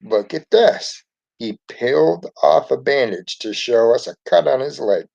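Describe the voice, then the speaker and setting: A man reading a children's picture book aloud in a steady narrating voice. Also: mid-range voice, normal speed, vocal fry, dull audio. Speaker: storybook reader.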